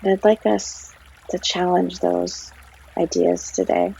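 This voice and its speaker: Over the sound of a flowing stream, a woman guides a meditation as a yoga instructor, her breathy, creaky voice pitched low but swinging widely in pitch. Her manner is gentle and unhurried, with long gaps between phrases. The recording sounds slightly dull.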